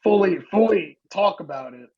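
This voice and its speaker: A man chatting about games on a podcast, talking in a halting way that restarts and repeats words. His voice sits fairly high for a man. The recording sounds dull and lo-fi. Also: expressive, breathy edge. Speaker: podcast co-host. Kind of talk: casual gaming chat.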